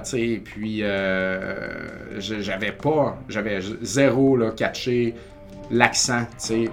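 A man with a Québécois French accent, hosting a podcast and telling a story in a casual, animated way, acting out what people said. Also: on the low side. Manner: animated, acts out quoted voices. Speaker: podcast host.

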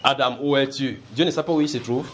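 A man preaching and teaching from the Bible, repeating words and putting questions to his listeners. He presses his points with lively energy. His voice is medium-pitched, with faint background noise. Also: brisk. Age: adult.

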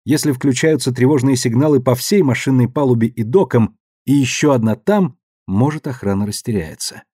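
A man narrating an audiobook in a measured, steady way. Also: mid-range voice, husky, dry recording, clean studio sound.

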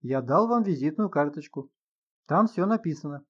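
A man voicing a calm, polite psychotherapist who asks probing questions in an audiobook reading. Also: a little high, normal speed, highs cut off. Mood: wry.

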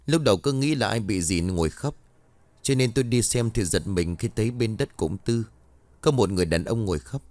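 A man's voice: on the low side, expressive, a little fast, darkish tone, dry recording, natural voice. A man voicing a frightened middle-aged village woman who tells her tale urgently, close to his own reading voice. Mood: fearful.

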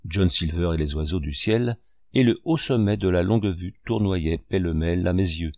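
A man narrating an audiobook in a steady, measured storytelling manner. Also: deep voice, dry recording.

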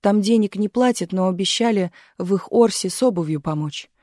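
A woman's voice: medium pitch, fairly quick, warm tone, no room sound, clean studio sound, close to an everyday voice. A woman voicing a pushy young actress and mother who rattles on indignantly. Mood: hurried. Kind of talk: audiobook character voice.

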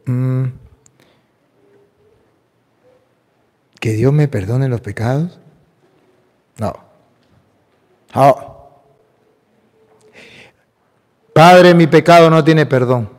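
A priest putting on the voice of a tormented man sure he can't be forgiven. He sounds despairing and insistent, a little higher than usual, in a hall with a long ringing echo. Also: slow, pauses often. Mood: hopeless. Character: tormented middle-aged man, guilt-ridden, pleading.

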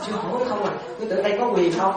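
A woman's voice: mid-range voice, rapid-fire, a loud crowd. A woman, a Buddhist monastic teacher giving a dharma talk to lay followers. She questions her listeners often, repeats key phrases and laughs lightly. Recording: very echoey and distant, dull sound.

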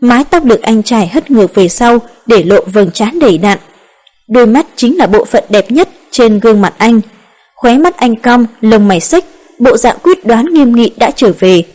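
A woman narrating a romance novel in a calm, steady reading voice. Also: fairly high pitch, moderate pace. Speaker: audiobook narrator.

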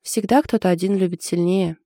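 A woman's voice: fairly low pitch, brisk, dark tone, no room sound, clean studio sound, lightly acted. A woman voicing an anxious young woman in love, confiding in a hesitant way. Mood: bitter.

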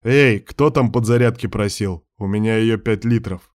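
A man's voice: lowish voice, moderate pace, a little mellow, dry recording, studio quality, close to an everyday voice. A man voicing a cocky, slangy young hero. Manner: blunt, slangy, mocking.

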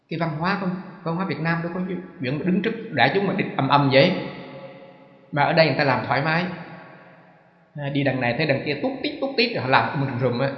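Man, Buddhist monk, conversational sermon, rhetorical questions, roomy echo, muffled lo-fi sound. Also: medium pitch. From Vietnam. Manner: conversational, asks listeners rhetorical questions, homely humorous examples. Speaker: Buddhist monk giving a dharma talk. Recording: reverberant dull hall recording.

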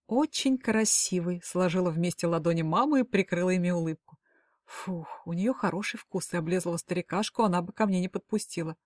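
A woman's voice: on the low side, fast talker, a little mellow, no echo, clean studio sound. A woman telling an audiobook story in the first person. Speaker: audiobook narrator. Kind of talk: audiobook narration.

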